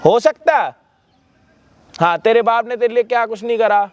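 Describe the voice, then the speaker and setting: Male host, high-pitched, harsh and rebuking, swears a lot in a staged confrontation. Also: normal speed, dry recording. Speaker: vlog host confronting a son.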